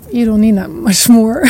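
Speaking in a slightly rough, mid-range voice, the podcast host offers an extended spiritual reflection. She takes her time, laughing softly and repeating herself as her thoughts trail off.

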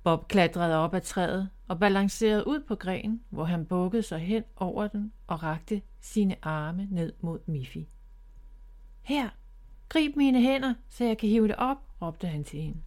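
A woman who writes children's books, reading her own story aloud in a clear, gentle way. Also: medium pitch. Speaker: children's author and narrator.

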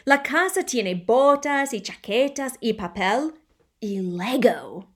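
A woman reading a children's storybook aloud for language learners, slowly and expressively. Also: sits high. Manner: slow, carefully spelled-out, expressive reading.

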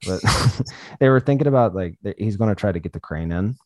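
A man's voice: lowish voice, animated, brisk, darkish tone, dry recording. A man telling stories in casual chat, loose and profane, laughing often as he talks.

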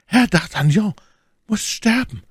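A man voicing a vengeful noblewoman in an audiobook, speaking in a shrill, venomous falsetto. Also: big pitch swings, measured pace, creaky, dry recording, studio quality, exaggerated voice. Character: icy vengeful noblewoman, adult, furious. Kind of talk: audiobook character voice.

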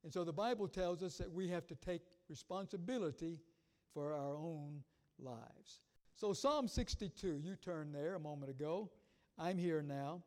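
A man's voice: on the high side, normal speed. Preaching man in a reverberant hall. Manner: preaching, swelling louder on scripture readings. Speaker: pastor. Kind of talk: sermon.

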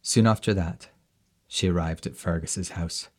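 Deep, husky male storyteller. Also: steady tone, measured pace, darkish tone. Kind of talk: storytelling narration.

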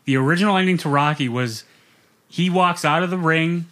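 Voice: mid-range voice, fairly quick, a bit bright. A co-host on a casual film podcast who tells long anecdotes and asks the others questions.

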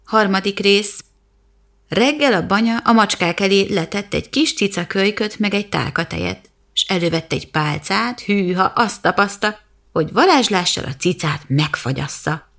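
A woman narrating a rhyming children's story as a bedtime storyteller, in a lively rhythmic reading. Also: medium pitch. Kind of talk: scripted storybook narration in rhyme.

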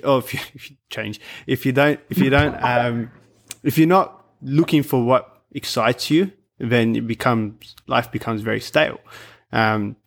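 A man's voice: medium pitch, fairly bright tone. Man hosting, thinking aloud as he goes. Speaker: podcast host. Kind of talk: casual interview.

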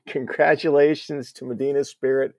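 A man's voice: mid-range voice, a little mellow, dry recording. A man co-hosting a podcast in casual banter, repeating phrases for emphasis. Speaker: podcast co-host.

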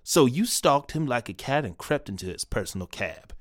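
Smug clueless detective, dry close sound. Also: male voice, medium pitch, sing-song, moderate pace, no echo. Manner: smug, pompous, oblivious. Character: pompous bumbling male detective. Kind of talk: comedic audio drama.

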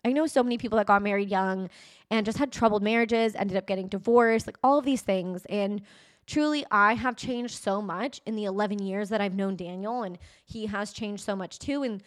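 A woman in her late twenties, a podcast host, telling a personal story in a chatty, animated way. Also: mid-range voice, normal speed. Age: 20s. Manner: chatty, animated, addresses listeners as "you guys". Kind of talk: casual storytelling.

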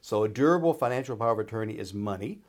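A man with a fairly low voice explains as an advisor on a radio show. He talks informally and folksily, checking that the listener follows. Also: animated, racing. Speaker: retirement planner and radio show expert. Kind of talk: conversational explaining.

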